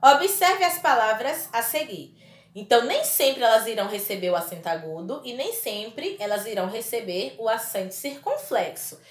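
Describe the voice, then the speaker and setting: A Brazilian teacher addresses children in a recorded primary school lesson, warm and emphatic, with key words drawn out. Her expressive, highish voice moves at normal speed in a reverberant room.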